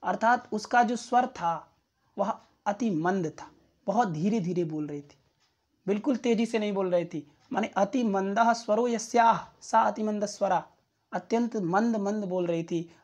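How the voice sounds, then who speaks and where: A patient woman Sanskrit teacher, walking students through a classical text phrase by phrase. She repeats explanations and checks in with the listener often. Her voice sits at a mid pitch. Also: unhurried, darkish tone. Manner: repetitive, patient explaining with frequent comprehension checks.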